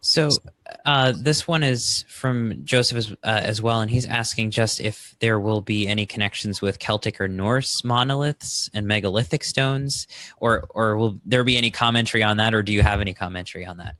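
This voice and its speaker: Male host, bright and fairly low voice, hesitant questions. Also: moderate pace, dry recording. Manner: hesitant, searching for words. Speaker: host reading audience questions. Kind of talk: interview questions.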